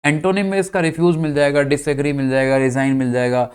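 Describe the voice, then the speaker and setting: A man from India teaching an English vocabulary lesson in Hindi, often checking with his students if things are clear and spelling words out letter by letter. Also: on the high side, fairly even intonation, fast, a little mellow. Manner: addresses students as "bachcha party", checks "clear?".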